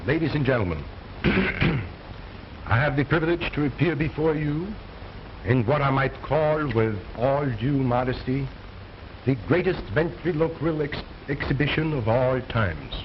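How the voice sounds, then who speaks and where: A man's voice: mid-range voice, expressive, a little slow, natural voice. A man playing a pompous, easily exasperated ventriloquist, speaking formal stage patter as the straight man in an old film. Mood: grand, formal. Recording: muffled old film soundtrack, faint noise.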